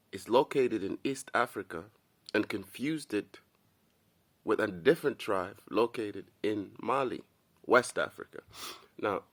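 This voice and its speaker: This commentary video host is a young man from Kenya whose voice sits on the low side with a bit of brightness. His monologue to camera is casual and wandering, peppered with "bro."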